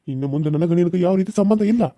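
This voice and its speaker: A man's voice: sits high, fast talker, mellow, no echo, studio quality, close to an everyday voice. A man voicing a heartbroken young village husband in a cartoon serial, speaking North Karnataka Kannada in an anguished, emotional way. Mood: hurt angry. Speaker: voice actor.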